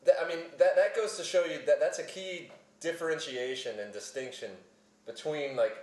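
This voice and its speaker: A man's voice: on the high side, normal speed. A man hosting a casual podcast, rambling and laughing as he talks about movies. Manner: rambling, self-deprecating, laughs often. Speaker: podcast host. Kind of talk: casual chat. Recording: roomy echo, a bit far from the mic.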